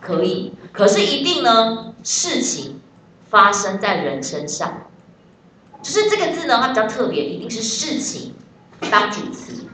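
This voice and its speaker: Bright-voiced Taiwanese woman teaching a class. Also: fairly high pitch, sing-song, measured pace, echoey room, distant mic, slight background noise. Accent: Taiwanese Mandarin. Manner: chatty and joking, spelling words out. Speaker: English teacher. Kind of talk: classroom lesson.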